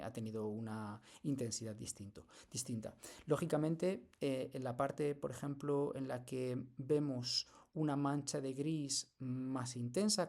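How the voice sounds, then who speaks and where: A man lecturing in a screen-recorded software tutorial, explaining step by step with frequent hesitations and restarts. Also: mid-range voice, creaky.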